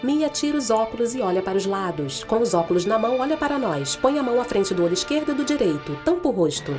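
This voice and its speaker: A woman narrates scripted audio description. Her voice is fairly high with lively intonation, and soft music plays faintly behind her. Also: quick pace.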